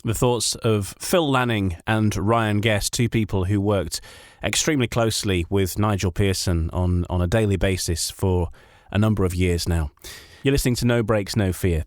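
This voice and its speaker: Low-voiced male podcast host, dry. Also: fairly even intonation, normal speed, few pauses, a little mellow, dry recording. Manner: hesitant questions, smoother scripted links. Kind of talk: podcast interviewing and links.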